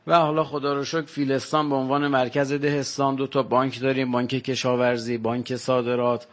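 A man's voice: mid-range voice, level tone. An older man with a Varamini Persian accent, a village guest on a radio show, proudly listing facts about his home. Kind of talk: radio phone-in chat.

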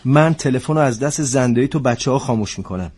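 An actor playing a stern middle-aged police officer who is also an uncle, talking in a gruff, scolding way, in a radio drama. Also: male voice, medium pitch, darkish tone, natural voice.

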